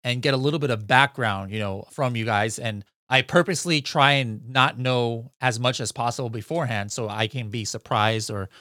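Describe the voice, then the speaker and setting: A man hosting a podcast in casual interview chat, upbeat and quick with follow-up questions. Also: medium pitch, bright, forceful tone, no echo, studio quality. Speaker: podcast host.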